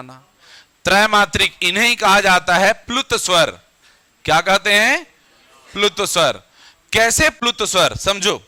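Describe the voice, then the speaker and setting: This grammar teacher has a high, very bright voice and keeps quizzing his classroom, repeating each answer back as a drill. The audio sounds dry and close-miked.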